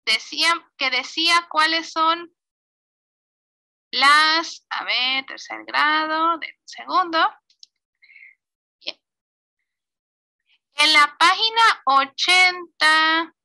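With a Mexican Spanish accent, a woman teaches an online computer class in a high, pushed, bright voice. She demonstrates on screen, patiently walking through each step and checking in often.

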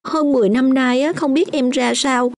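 A high, sulky young girl. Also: fairly even intonation, moderate pace, darkish tone. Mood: hurt. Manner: sulky, tearful insistence. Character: young orphan girl, stubborn and hurt. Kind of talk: radio drama acting.

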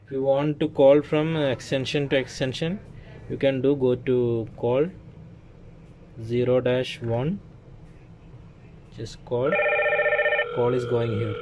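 Speaking with a warm, fairly even medium-pitched voice, a male tech presenter takes things slowly, leaving long pauses between his short, plain instructions. He demonstrates hands-on at an indoor equipment workbench. Audio comes from a handheld phone camera mic with clearly noisy room ambience.

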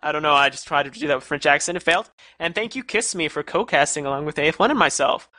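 A man's voice: on the high side, quick pace, bright, forceful tone, dry recording. A young man casting an online game match live, joking and bantering with his co-casters. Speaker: esports caster. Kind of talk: live esports commentary wrap-up.

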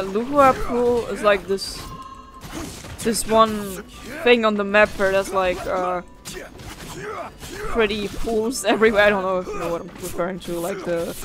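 Rambling young woman gamer. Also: mid-range voice. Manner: rambling, reactive. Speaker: gaming let's player. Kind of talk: casual playthrough commentary.

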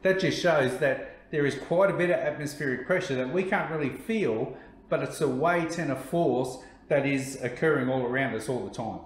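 A man's voice: medium pitch, moderate pace, rough recording. Australian man explaining in a matter-of-fact way. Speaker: fishing show host. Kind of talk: explanatory fishing video. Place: kitchen indoors.

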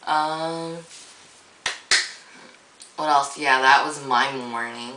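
A woman's voice: very deep voice, drawn-out words, sharp tone, reverberant, far from the mic, low-quality recording. A young woman vlogging in a rambling, casual way, full of fillers and easy swearing, with a groggy morning voice. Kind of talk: casual vlog monologue.

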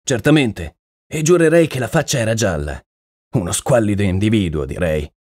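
A man's voice: fairly low pitch, lively intonation, moderate pace, darkish tone, no room sound, studio quality. A man voicing an earnest, uneasy male horse trainer in an audiobook, talking plainly and deferentially. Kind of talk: audiobook character reading.

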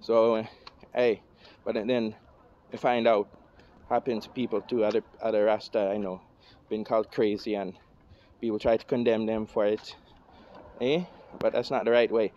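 A man's voice: fairly low pitch, little pitch movement, normal speed, mellow, highs cut off. A young man talking in Rasta speech to camera, reasoning informally with insistent, preacher-like repetition. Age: young adult. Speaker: vlogger. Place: outdoors under open sky and trees. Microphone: phone held at arm's length. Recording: distant phone recording with outdoor noise.

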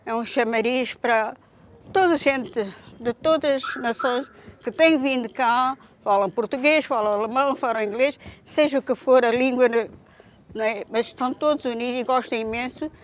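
An older woman speaking proudly and warmly about friends in an interview. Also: fairly high pitch, moderate pace.

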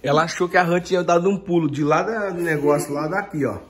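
A man's voice: fairly high pitch, fast talker. A young man with a Brazilian Portuguese accent filming his family at home, joking and teasing in casual vlog chat. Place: home kitchen, indoors. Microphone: phone camera he holds.

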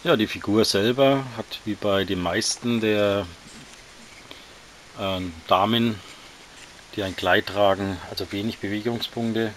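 Lockerer Sammler mit tiefer Stimme. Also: male voice, lowish voice, a little hiss or hum. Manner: relaxed, slightly halting, describes while handling. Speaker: toy collector reviewing action figures. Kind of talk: casual hands-on review.

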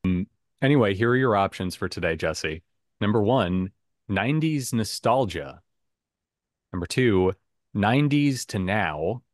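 A man's voice: lowish voice, lively intonation, a little slow, no room sound, clean studio sound. A man hosting a podcast guessing game in a casual, playful, self-mocking way. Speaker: podcast game show host.

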